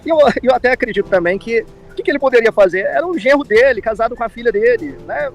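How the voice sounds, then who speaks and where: High-pitched Brazilian man explaining in an interview. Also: quick pace, soft background music. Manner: explanatory, repeats himself, seeks agreement with tag questions. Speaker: pastor interviewed as commentator. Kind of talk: spoken interview commentary.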